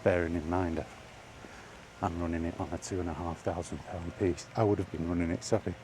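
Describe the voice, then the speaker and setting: Under trees on an outdoor walk, a man vlogs, casually rambling in a wry, grumbling way. He speaks a little fast in a deep voice with a steady tone, over faint outdoor ambience.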